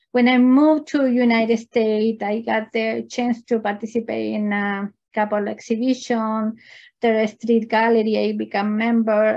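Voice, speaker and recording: Slow woman, gravelly. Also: on the high side, darkish tone, dull audio. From Chile. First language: Spanish. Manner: halting, non-native phrasing with many fillers. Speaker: artist. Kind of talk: virtual gallery talk.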